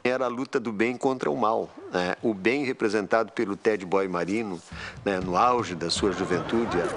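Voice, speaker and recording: A man's voice: fairly low pitch, normal speed, background noise. A man reminiscing in a documentary interview, explaining things and often checking with tag questions.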